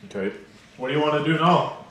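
A man filming a family vlog at home, talking gently and coaxing his children and pets. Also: on the high side, lively intonation, fast. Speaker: vlogger and father. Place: at home on a countryside property. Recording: roomy, noisy home recording.

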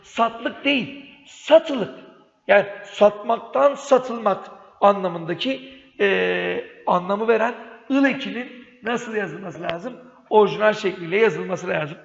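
A man's voice: sits high, slow, creaky. A man teaching a spelling lesson for exam prep, contrasting wrong and right spellings and calling his students dear friends. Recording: dull lo-fi sound, long reverb.

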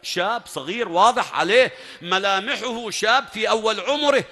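High, bright-voiced dramatic preacher. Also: male voice, moderate pace. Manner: dramatic, emphatic narration with rising bursts. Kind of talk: religious sermon storytelling. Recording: long reverb at a large venue.

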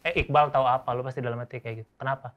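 Fast-talking teasing male interviewer. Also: medium pitch, steady tone, dull audio. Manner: teasing, interrupting, rapid-fire questions. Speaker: interviewer and host. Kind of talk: mock-serious comedic interview.

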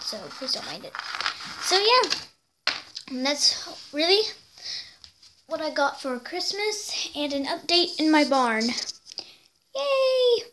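A woman's voice: sits high, fairly bright tone. A girl casually showing off her toy horses in a vlog, rambling and chatty with frequent fillers and little squeals, filmed indoors at home on a handheld camera. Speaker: toy horse collector vlogger. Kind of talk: casual show-and-tell vlog.

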